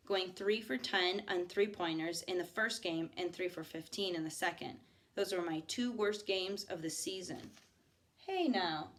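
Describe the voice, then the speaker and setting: A woman teacher reading a novel aloud to her students, expressive, pausing for asides to the class. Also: mid-range voice.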